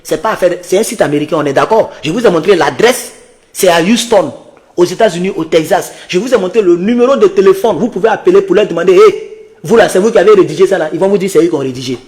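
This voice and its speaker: High-voiced man reading and translating news. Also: a little mellow. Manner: reads English slowly and translates it into French; repeats refrains to address his viewers. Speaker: political commentator. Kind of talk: reading and commenting on an article.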